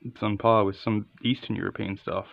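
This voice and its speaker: A man's voice: on the low side, fairly even intonation, a little fast, gravelly, muffled recording. A man giving a casual, unscripted hands-on product review in an understated, matter-of-fact way.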